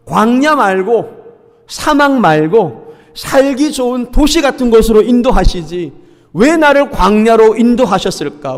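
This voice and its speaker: Animated middle-aged male pastor preaching. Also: sits high. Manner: animated preaching with call-and-response and sung lines. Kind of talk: sermon. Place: church sanctuary. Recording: long church hall reverb.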